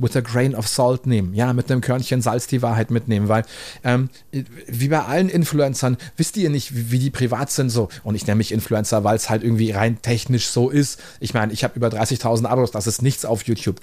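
A German-accented man in his forties hosts his own podcast, delivering a casual monologue in a chatty, rambling way packed with fillers. His voice is medium-pitched and a little mellow.

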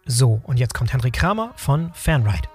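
A man's voice: mid-range voice, sing-song, moderate pace, over music. A man hosting a podcast, chatty and jokey, laughing often as he asks questions. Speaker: podcast host. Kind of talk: podcast interview.

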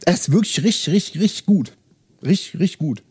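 Casting: male book-podcast host, lively, slightly high pitch, warmly reading prose. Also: brisk, husky. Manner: enthusiastic, hesitant with fillers in chat. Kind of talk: reading aloud and casual book chat.

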